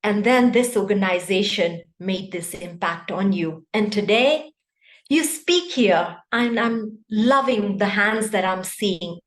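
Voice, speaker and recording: A woman's voice: mid-range voice, slow pace. A woman from Kenya, giving a prepared speech over a video call and often putting questions to her audience. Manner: interactive, poses questions to the audience. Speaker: club speaker. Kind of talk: prepared speech at an online meeting. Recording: echoey room.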